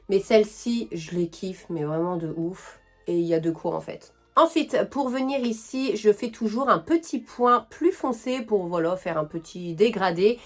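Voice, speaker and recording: A young woman with a French accent chatting through a casual makeup tutorial, enthusiastic and full of fillers. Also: mid-range voice. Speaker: beauty vlogger.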